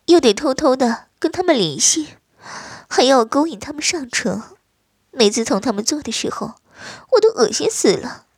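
A woman doing a coy, breathy young woman. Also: no room sound, studio quality, heavily acted. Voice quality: breathy, whispery. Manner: high, coy, pouting delivery.

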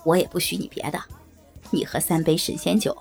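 A woman's voice: lowish voice, flat delivery, fairly quick, creaky, a little mellow, soft background music, voice pushed down. A woman voicing a crude, balding, fat male boss who wheedles and blusters coarsely. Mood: teasing. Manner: coarse, pleading, swaggering.

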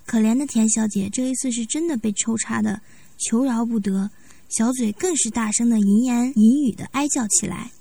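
A woman narrating a story in a steady, even reading voice. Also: on the high side, normal speed, creaky, a little hiss or hum. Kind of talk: scripted audiobook narration.

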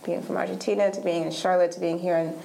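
A woman hosts a video podcast with a mellow, soft-edged voice. She is friendly and a little hesitant, smoothing her way into questions with small fillers. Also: lowish voice, level tone, fast, slight background noise. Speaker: podcast host. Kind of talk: podcast hosting.

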